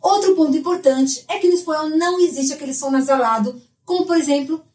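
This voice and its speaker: A woman who is a Spanish teacher, explaining a language lesson in a clear, explanatory way. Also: sits high, fast talker, a little mellow, roomy sound.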